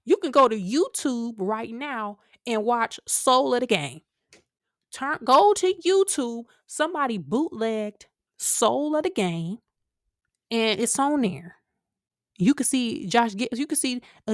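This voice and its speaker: An American woman hosts a podcast, talking straight to her listeners with casual, opinionated commentary delivered in an emphatic, colloquial way. Her voice sits on the high side, and the studio recording is clean and dry.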